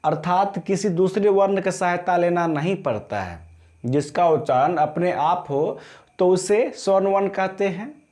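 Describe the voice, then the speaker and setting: A man teaching a grammar class, explaining slowly and often checking whether students understood. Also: sits high, lively intonation, darkish tone. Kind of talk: classroom lesson.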